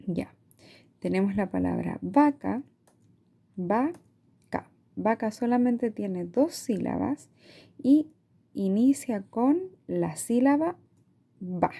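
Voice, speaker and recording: A woman teacher with a Chilean Spanish accent, explaining a reading lesson to parents in a slow, patient way, stretching out words and checking in with "¿ya?". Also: medium pitch, animated, vocal fry, warm tone, breathy edge. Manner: asks "¿ya?" often.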